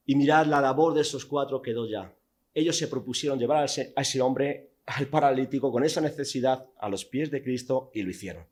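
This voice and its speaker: Preaching in a church hall, a Spanish man speaks at medium pitch. His storytelling is vivid, full of rhetorical questions, with his volume shifting between loud and hushed.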